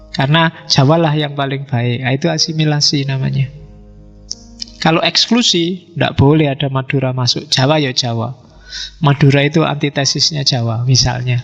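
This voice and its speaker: A middle-aged man giving a public philosophy lecture, explaining slowly and putting rhetorical questions to his audience. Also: a little high, vocal fry, a bit bright. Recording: reverberant hall, dull sound, faint music.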